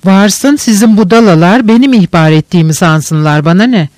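A man reading a bitter young male radical, hostile and scornful. Each line comes out curt in a fairly high voice. The audiobook sound is dry and close, with no room around it. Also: normal speed, a little mellow, dry recording, lightly acted.

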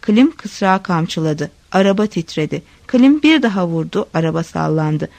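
A woman reading a story aloud, expressive storytelling. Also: on the low side, moderate pace, creaky, dry recording. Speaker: narrator.

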